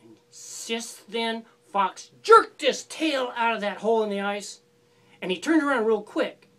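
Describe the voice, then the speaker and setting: A woman storyteller telling an old animal folk tale in a relaxed, conversational way, with repetition for effect. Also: on the high side, measured pace.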